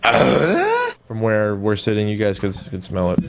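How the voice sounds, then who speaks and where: A man's voice: lowish voice, huge pitch swings, unhurried, gravelly. A man hosting a casual radio talk show. He jokes crudely and laughs often. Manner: joking, laughs a lot, crude humor. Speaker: host.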